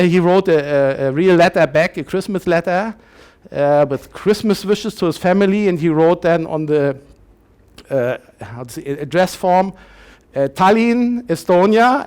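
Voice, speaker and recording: A man around sixty lectures in English with a slightly raised pitch. He speaks haltingly, pausing on fillers and restarting his phrases as he explains. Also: a little mellow, clear, resonant tone. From Germany. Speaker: university lecturer. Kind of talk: conference lecture.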